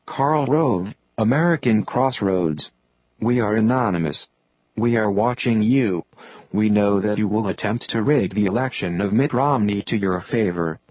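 A man with a disguised deep voice reading a scripted warning statement in a slow, even, menacing recitation, played from an online video. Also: breathy edge, no room sound, lo-fi sound. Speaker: masked group spokesman in an online video.

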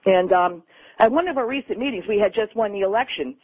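A woman's voice: medium pitch, brisk, breathy edge, no room sound. A woman calling in to a radio talk show over a landline phone, chatty and earnest. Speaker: caller. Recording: tinny landline phone line.

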